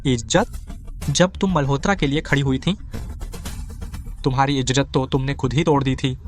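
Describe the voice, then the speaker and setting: An actor playing a calm, scornful ex-husband who cuts others down in a dubbed short drama. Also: male voice, medium pitch, normal speed, soft background music, lightly acted. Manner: cold, cutting.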